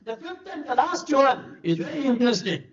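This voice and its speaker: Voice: sits high, sing-song, normal speed. An older former teacher with an Indian English accent talks through number puzzles in a drilling, repetitive classroom manner. The voice sits mid-range and sounds distant in a roomy, echoing hotel hall. The pickup is dull and lo-fi. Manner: repetitive, drilling, asks "clear?" often. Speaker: former teacher giving a talk. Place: large hotel event hall.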